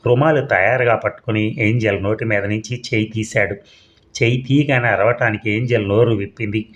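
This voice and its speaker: A male storyteller reading a suspense tale aloud. His voice sits on the low side, and he keeps a steady, measured pace with the odd small slip. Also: a little hiss or hum. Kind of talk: scripted narration of a suspense story.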